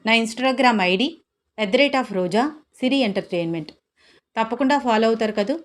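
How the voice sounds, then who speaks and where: A woman narrating a romance story in a gentle, unhurried storytelling manner. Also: fairly high pitch, lively intonation.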